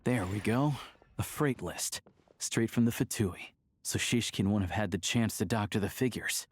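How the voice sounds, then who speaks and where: A husky, steady hunter. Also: male voice, on the low side, normal speed, no room sound. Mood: calm, practical. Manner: calm, practical and matter-of-fact. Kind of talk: game character dialogue.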